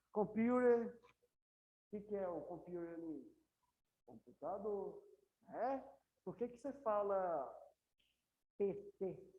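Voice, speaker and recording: Brazilian lady teacher, warm mellow voice, keeps asking the class if they follow, muffled lo-fi room recording. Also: mid-range voice. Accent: Brazilian Portuguese. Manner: chatty, keeps checking with the class. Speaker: English teacher. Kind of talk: classroom lecture. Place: classroom, also streamed to students at home.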